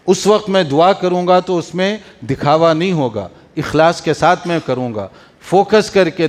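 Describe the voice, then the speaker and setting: A man giving an earnest mosque sermon, urging his listeners and chanting Arabic quotations. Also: on the high side. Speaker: preacher. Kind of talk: mosque lecture after night prayer. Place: mosque hall. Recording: long hall reverb.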